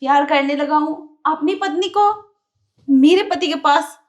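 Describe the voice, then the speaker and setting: A woman's voice: high voice, measured pace. A woman in a scripted skit, speaking suspiciously and scolding the man. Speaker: actress in a short skit.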